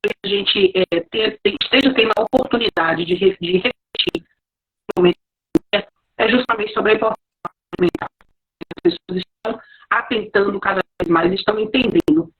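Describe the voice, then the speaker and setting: A woman's voice: medium pitch, moderate pace, husky, muffled recording. A woman speaking reflectively over a video call whose audio stutters and cuts out, often ending phrases with tag questions. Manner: reflective, repeats words, frequent tag questions. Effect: call dropping out, speech stuttering and cutting. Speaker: mental health professional at a care center. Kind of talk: live video call interview.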